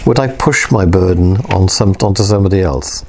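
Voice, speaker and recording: Nervous doubting young woman in an audiobook, halting, a bit higher, man reading her. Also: a little mellow. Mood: anxious. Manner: hesitant, stumbling.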